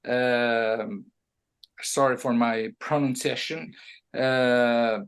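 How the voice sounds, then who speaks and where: A man from Italy with an Italian accent, a music producer talking in a casual interview, halting with many restarts and sudden animated bursts. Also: medium pitch, clean tone.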